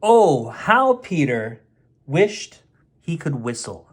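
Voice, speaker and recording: Reading a picture book slowly, a middle-aged storyteller hosting a bedtime story show speaks in a fairly high voice with big pitch swings and a breathy edge. He breaks off now and then for playful, chatty remarks aimed at kids.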